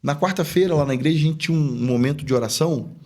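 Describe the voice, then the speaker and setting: Talking very fast in a voice that sits on the high side and sounds a little mellow, a pastor and business owner tells a story from his life during a podcast interview. He is casual and earnest, and he plays out the remembered exchanges.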